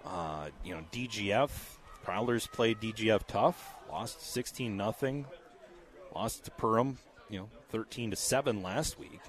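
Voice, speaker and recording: Casual fillers pepper the play-by-play from a scratchy-voiced male announcer, who describes a high school football game in an even, measured way.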